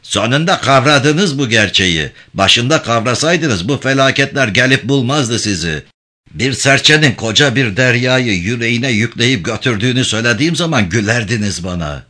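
A man voicing a stubborn old male sage who preaches against weapons in a slow, lofty, proclaiming way. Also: medium pitch, lively intonation, pushed and bright. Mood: preaching, defiant.

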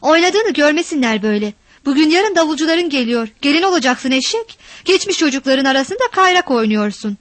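A woman voicing a harsh, violent village father who shouts, curses and threatens. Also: high voice, animated, a little fast, few pauses, no echo. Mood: scolding.

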